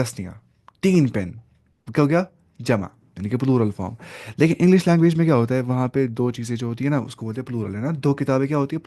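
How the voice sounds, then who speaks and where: A man's voice: medium pitch, warm tone. A man teaching Arabic grammar in a lecture, asking his students questions and answering them himself, with English terms mixed in. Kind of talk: classroom lecture.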